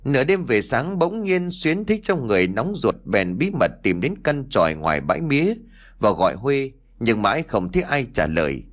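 A man narrating an audiobook story in an expressive, dramatic way. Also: mid-range voice, normal speed.

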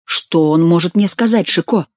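A sleepless, fretful king who pleads and presses for answers, read by a woman narrator. The voice sits on the low side. It is recorded close and dry. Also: moderate pace, darkish tone, dry recording, natural voice. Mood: plaintive. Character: weary anxious French king, man.

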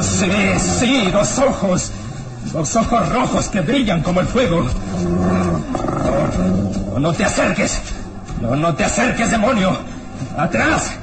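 An actor playing a terrified, wounded police inspector in a radio drama, panicked and halting, repeating himself in fear. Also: male voice, sits high. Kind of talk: melodramatic radio drama acting.

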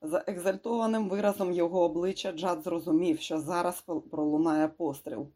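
An audiobook narrator reading a thriller in a steady, measured way. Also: mid-range voice.

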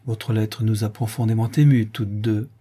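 A man reading an audiobook and voicing a gracious, kind society woman who speaks in a measured, reassuring way. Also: lowish voice, little pitch movement, dark tone, husky.

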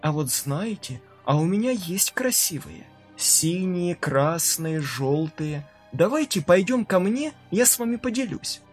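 A cunning witch woman coaxes in a soft, sweet voice, as a male narrator puts her on. Her voice sits a little high. She is part of a spoken horror story. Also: sing-song, a little slow, hardly any pauses, faint music behind. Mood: coaxing. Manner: soft, coaxing, hushed. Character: sly young-looking witch woman, cunning and weary.

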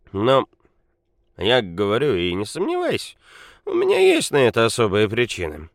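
A man voicing a drunk, boastful quarry owner who slurs and shouts. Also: medium pitch, no room sound, studio quality, pitched above the performer's own voice, lightly acted. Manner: slurring, shouting, swaggering.

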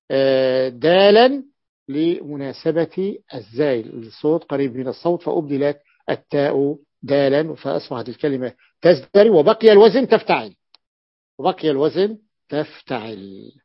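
A male grammar teacher giving a classroom lesson, explaining slowly and repeating key phrases, with drawn-out hesitations. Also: fairly high pitch, no room sound. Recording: dull, dry, lo-fi classroom recording.

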